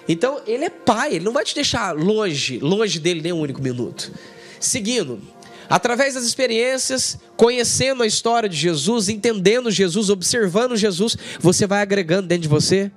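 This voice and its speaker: A man from Brazil teaching an online Bible lesson as a pastor, emphatic and animated, acting out dialogue. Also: high-pitched.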